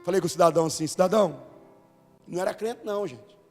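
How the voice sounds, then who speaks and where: A man with a Brazilian Portuguese accent preaching a sermon to a congregation, moving from storytelling to loud, fervent preaching. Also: high voice, very fast. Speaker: pastor. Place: church hall. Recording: reverberant church hall with music.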